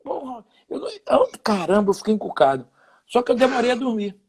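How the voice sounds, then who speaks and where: High-voiced man telling lively stories. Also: a little fast, husky. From Brazil. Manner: animated anecdote telling with laughs and quoted dialogue. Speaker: guest, former footballer. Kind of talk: casual interview storytelling.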